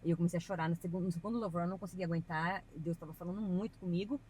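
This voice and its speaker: A woman's voice: on the low side, fairly even intonation, rapid-fire, dark tone, a little hiss or hum, low-quality recording. A woman guest on a podcast, talking earnestly and at length about her faith in a casual, chatty way with preachy asides. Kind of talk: casual testimony.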